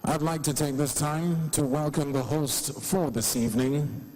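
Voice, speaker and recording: Slow-paced male stage announcer. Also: on the high side, fairly even intonation, darkish tone, rough recording. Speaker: master of ceremonies announcer.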